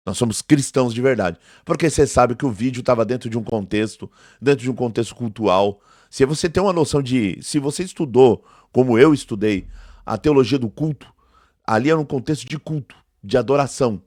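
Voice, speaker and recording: A man's voice: mid-range voice, brisk, darkish tone, no room sound, studio quality. A man in his forties, a theology teacher, answering a critic directly to camera in an emphatic, indignant way and repeating his points. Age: 40s. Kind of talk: direct-to-camera response video.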